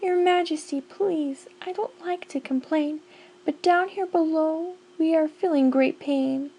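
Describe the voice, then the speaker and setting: A woman's voice: sits high, unhurried, mellow, slight background noise, pitched above the performer's own voice. A woman voicing a plain little male turtle who groans and pleads, weary and aching. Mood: pleading.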